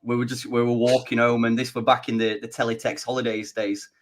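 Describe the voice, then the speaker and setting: A man's voice: medium pitch, level tone, brisk. A man with a northern English accent co-hosting a football podcast, chatty and confident in his opinions. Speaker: podcast co-host. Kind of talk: casual football podcast chat.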